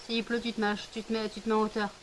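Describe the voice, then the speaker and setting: A woman's voice: medium pitch, completely flat delivery, very fast, slight background noise, rough recording. A middle-aged woman vlogging casually from home, chatting to viewers and cooing baby talk to her scared pets while rain is heard outside.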